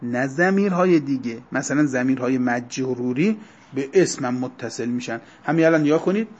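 A man teaching a grammar class, explaining terms one by one, slowing down and stressing key words. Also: mid-range voice, lively intonation, darkish tone. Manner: explanatory, lecturing to students, slow deliberate stresses on terms. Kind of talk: Arabic grammar lecture. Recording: dull lo-fi recording.

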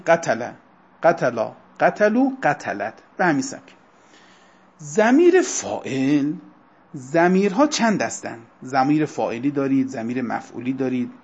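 A man teaching a grammar class, explaining terms one by one, slowing down and stressing key words. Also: medium pitch, darkish tone, husky. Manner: explanatory, lecturing to students, slow deliberate stresses on terms. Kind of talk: Arabic grammar lecture. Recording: dull lo-fi recording.

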